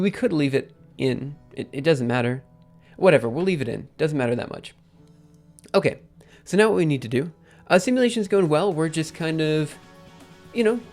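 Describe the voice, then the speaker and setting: A man hosting a live coding stream, thinking aloud in a halting, casual way with many ums. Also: a little high. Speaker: livestream host.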